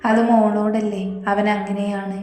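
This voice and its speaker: Woman reading motherly middle-aged mother-in-law, reassuring, mellow, echoey room with music. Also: medium pitch, level tone, unhurried, close to an everyday voice. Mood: affectionate. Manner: gentle, reassuring.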